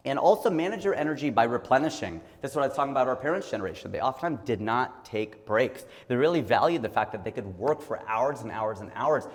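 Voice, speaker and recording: This Ohio man in his forties speaks in a mid-range voice, animated and quick with few pauses, and a long reverb tail trails his words. He delivers a motivational talk like stand-up, chatty and joking, performing the voices of those he quotes.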